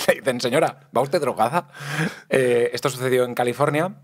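Chatty Spanish podcast host laughing along. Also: male voice, mid-range voice, moderate pace. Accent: Spanish from Spain. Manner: jokey, laughs often, chatty storyteller. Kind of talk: casual podcast chat.

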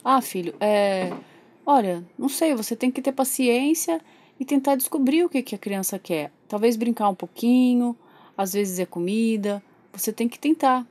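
A woman voicing a patient father who gives gentle advice in a toy soap opera. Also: a little high, moderate pace, natural voice. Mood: calm. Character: calm patient middle-aged father.

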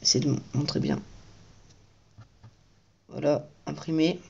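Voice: mid-range voice, steady tone, a little slow, gravelly, dull audio, very noisy. A toy reviewer giving casual commentary while building a set at home at night, chatty and repeating the same praise.

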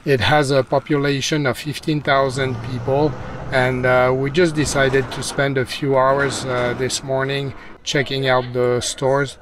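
Calm middle-aged man narrating a travel vlog. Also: mid-range voice, noisy background. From Canada. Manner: calm, unhurried, with filler pauses. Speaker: van life vlogger.

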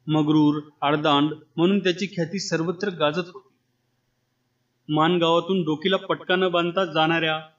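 A man narrating an audiobook story in a steady, dramatic reading style. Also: on the high side. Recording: dull lo-fi.

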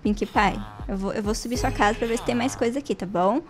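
A young Brazilian woman chatting playfully through a Minecraft let's play, talking to viewers and game characters with sudden high squeals. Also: quick pace, faint music behind. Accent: Brazilian Portuguese. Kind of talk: casual gameplay commentary.

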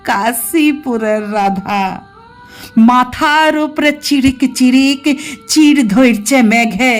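A high-pitched woman recites dramatic poetry in the voice of a poor, ill-fated village girl, using a rural western Bengal dialect. Her delivery is plaintive, emotive, and drawn out.

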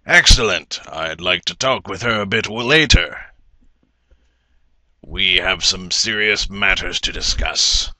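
A man voicing a grand, sinister old king in a booming villain monologue for a video game. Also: a little slow, pushed and bright, dry recording, exaggerated voice. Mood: grand, ominous.

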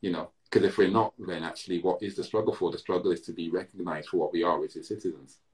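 A deep, low-voiced man from Britain talks things through slowly on a video call from a room at home. He circles back and restarts his thoughts, filling gaps with "you know" as he works out each point. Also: steady tone. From Britain, Barbadian heritage. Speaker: interview guest, musician. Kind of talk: reflective conversation.

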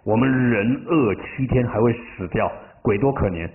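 A man as a Buddhist master giving a sermon and telling stories, drawing out the ends of his phrases with feeling. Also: medium pitch. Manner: drawn-out emotional phrase endings. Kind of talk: sermon with storytelling. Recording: tinny phone-like sound.

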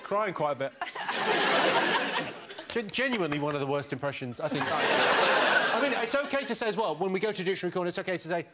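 A man's voice: high-pitched, expressive, a little fast, pauses often. A male TV panel show host making dry, teasing remarks. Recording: noisy TV studio with loud audience.

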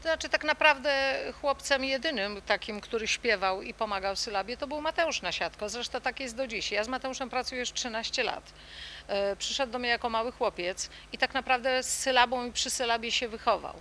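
A middle-aged woman who leads a children's song group answers interview questions in a thoughtful way, pausing often with fillers and restarts. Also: fairly high pitch, sharp tone, a little hiss or hum.

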